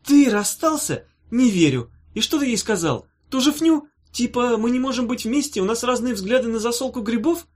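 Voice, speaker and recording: A man reading a storybook voices a sharp-tongued, scornful young woman with a mocking, sarcastic manner. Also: mid-range voice, sing-song, a little fast, husky, voice pushed up. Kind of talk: audiobook character voice.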